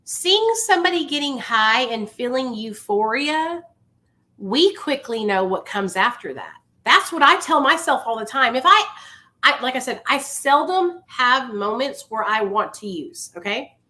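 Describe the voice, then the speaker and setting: A livestream host talks about addiction recovery in a slightly high, animated, bright voice, keeping a measured pace and a forceful tone. She gives her viewers an impassioned, informal pep talk, emphatic and insistent, repeating phrases to drive them home. Her address is casual and familiar.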